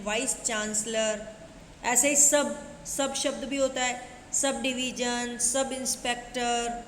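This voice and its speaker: A woman teacher with a slightly high voice talks slowly through a list of examples. She speaks to her students like a patient, familiar guide. The recording sounds like a bare room with a long echo. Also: a bit bright. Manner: slow, listing examples one by one, calls students "beta". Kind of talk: classroom grammar lesson. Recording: echoey room with long reverb, faint noise.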